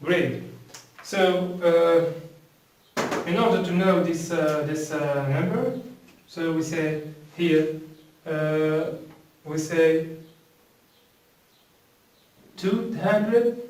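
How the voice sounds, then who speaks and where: Slow, roomy-sounding Moroccan man teaching English. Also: on the high side, a little mellow. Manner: repeats words slowly for pronunciation drills. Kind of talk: slow, deliberate language lesson. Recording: roomy, from a distance.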